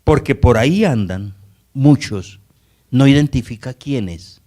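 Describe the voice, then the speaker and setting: A man's voice: mid-range voice, expressive, slow, dark tone. Man preaching a Bible study sermon. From Colombia. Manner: preaching with rhetorical questions and asides to the congregation. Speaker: pastor.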